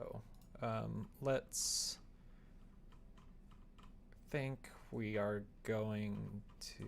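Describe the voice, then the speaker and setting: With a fairly low, slightly mellow voice marked by vocal fry, a man streams his visual novel development. He casually thinks aloud, often muttering instructions to himself while coding, and chats with viewers; keyboard typing and faint noise sit in the background.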